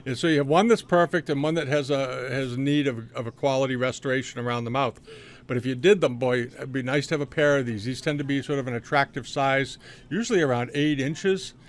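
A man's voice: mid-range voice, brisk. An older man casually commenting on auction results over a screen share, rambling with many fillers and restarts, recorded on a webcam indoors. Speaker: antiques dealer reviewing auctions.

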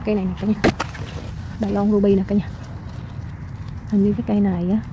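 A woman selling plants in her outdoor garden, exclaiming loudly and talking straight to her viewers as she films. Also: medium pitch, fast talker, noisy background. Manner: excitable, exclaiming, addresses viewers constantly. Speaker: plant seller. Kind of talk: casual selling vlog.

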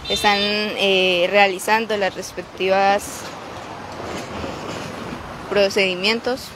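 Woman reporter live on the street, slow and flat, lots of "eh", clear traffic noise behind. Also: mid-range voice. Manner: halting, many filler "eh"s. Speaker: local news reporter. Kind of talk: live on-scene news report. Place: outdoors on a city street.

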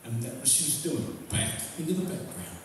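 A man's voice: medium pitch, very animated, moderate pace, noisy background. A male pastor preaching a sermon, retelling a story vividly to his congregation. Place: church hall. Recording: echoey hall, distant mic.

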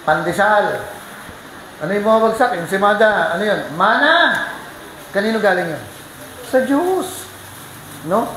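Pastor preaching in a roomy church, mid pitch, animated storytelling, keeps asking the crowd questions. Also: unhurried, long pauses, slight background noise. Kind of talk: sermon.

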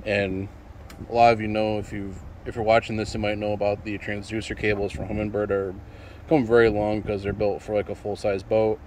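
Low, flat-voiced man filming outdoors. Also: a little fast. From Michigan. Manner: loose, rambling, with many ums and restarts. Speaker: fishing channel host. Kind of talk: casual how-to vlog. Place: outdoors in an apartment parking lot. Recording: noisy outdoor phone recording.

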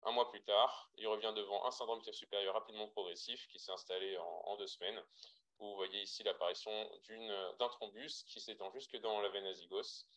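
A man's voice: lowish voice, steady tone, brisk, a bit bright, rough recording. A man with a French accent giving a webinar slide lecture to trainees, hesitant with frequent fillers and restarts, heard through a computer mic. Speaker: radiologist giving a webinar talk.

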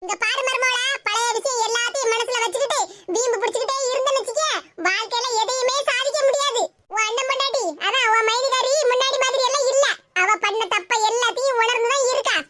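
A woman's voice: extremely high pitch, fairly even intonation, fast talker, few pauses. A woman voicing a stern, bossy old mother-in-law with a Tirunelveli Tamil accent, scolding and lecturing.

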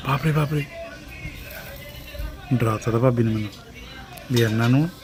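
A man's voice: mid-range voice, normal speed, over music. A man with a Punjabi accent chatting casually as a family vlogger, teasing and exclaiming as he goes. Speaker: vlogger filming family cooking.

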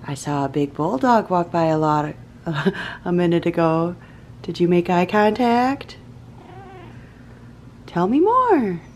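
Woman, 30s, home-kitchen cooking vlogger, relaxed slow delivery, lots of restarts. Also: on the low side, a little hiss or hum. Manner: chatty, self-interrupting, laughs at her own slips. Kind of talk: casual meal prep vlog. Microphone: camera mic at arm's length and on the counter.

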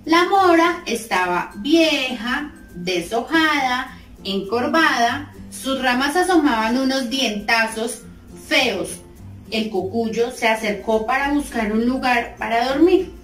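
A woman narrating a children's story in a slow, expressive, sing-song way. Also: sits high. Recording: roomy, distant mic, faint music.

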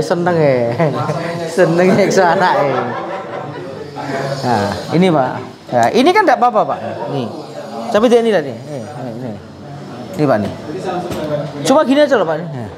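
A man talks casually while giving a sports massage. He coaxes, chats and laughs often. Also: fairly high pitch. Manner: coaxing, chatty, laughs often.

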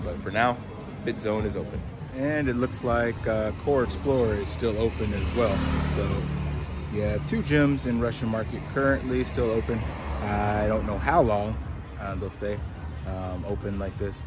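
A fitness vlogger in his thirties, with a lowish voice, talks relaxedly to a phone camera held at arm's length, using lots of filler words. He starts outdoors on a city street and later moves indoors at home, recorded through the phone and wireless earbuds.

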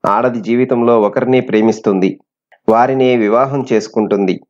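A man's voice: medium pitch, fairly even intonation, moderate pace, darkish tone, close to an everyday voice. A man voicing a defiant young captive princess who speaks with scorn, on a dull lo-fi recording.

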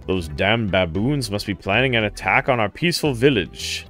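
A man doing a grave low old village elder. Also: animated, moderate pace, a bit bright, faint music behind. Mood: worried. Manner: grave, formal, low-pitched. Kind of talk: comic let's-play voice acting.

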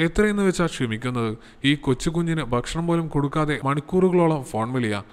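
A man's voice: a little high, expressive, fast, clear, resonant tone, close to an everyday voice. A man voicing a distraught young husband whose wife is missing, speaking in a choked, pleading way.

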